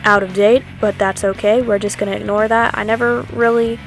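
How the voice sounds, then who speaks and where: A woman's voice: medium pitch, level tone, fairly quick. A young woman in a chatty, upbeat voiceover for her vlog, rambling a little with fillers, recorded on a microphone on a tripod stand. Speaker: vlogger. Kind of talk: casual voiceover narration. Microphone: new microphone on a tripod stand. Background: soft background music.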